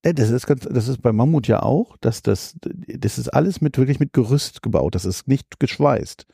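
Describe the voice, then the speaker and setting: A man's voice: medium pitch, lively intonation, normal speed, creaky, warm tone, husky, no room sound, clean studio sound. A man in casual chat, critical and opinionated, talking with many fillers. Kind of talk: casual chat about theme parks.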